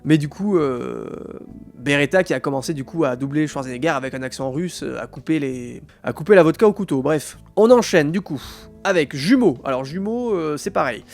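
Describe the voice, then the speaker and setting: Chatty streamer guy, fairly high voice, loose and rambling, faint music behind. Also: lively intonation, moderate pace, creaky, a little mellow. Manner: chatty, many fillers, addresses viewers. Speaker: streamer host. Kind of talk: casual live-stream film chat.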